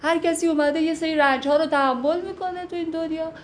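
A middle-aged woman explaining classic poems in a lecture, reciting verses slowly and acting out small everyday scenes with quoted voices. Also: very high voice, steady tone. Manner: acts out little scenes with quoted voices, swinging between hushed and loud. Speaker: teacher explaining Persian poetry.

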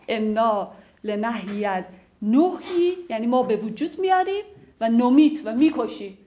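A woman with a fairly high voice teaches classical poetry. She recites the verses slowly and with care, then explains them in an easy, conversational way. Her delivery moves between measured recitation and lively everyday talk.

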